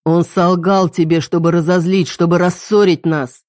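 A woman voicing a possessive, violent young man who calls himself a killer, slow, heavy and emphatic. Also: lowish voice, level tone, a little mellow, no room sound, clean studio sound, natural voice. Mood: intense.

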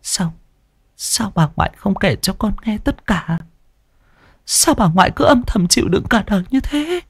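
A man's voice: sits high, expressive, a little slow, husky, no echo, clean studio sound, pitched above the performer's own voice, exaggerated voice. A man voicing a young, frightened grandchild pleading frantically for a grandmother. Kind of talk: audiobook voice acting.

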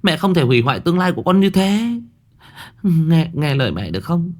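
A man's voice: fairly high pitch, very animated, brisk, a little mellow, voice pushed up. A man voicing an anxious older mother who pleads with her daughter and stammers. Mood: pleading.

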